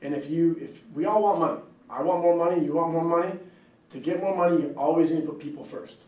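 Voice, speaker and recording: A man's voice: on the high side, quick pace, darkish tone. A man, a personal trainer, chatting casually and rambling to his staff with easy laughs. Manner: rambling, upbeat, laughs easily. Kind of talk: casual chat. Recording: echoey room, mic far off.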